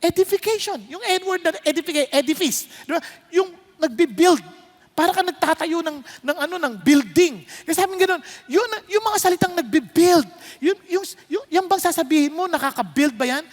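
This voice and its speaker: A woman with a Filipino accent preaching a sermon to a congregation. She mixes English into her talk and keeps checking in with the listeners through quick questions. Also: very high voice, animated, long reverb tail.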